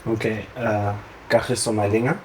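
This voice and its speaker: A South African man, a football player, introducing himself in a hesitant, quiet way. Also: fairly low pitch, flat delivery, moderate pace, a little hiss or hum. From Mpumalanga, South Africa.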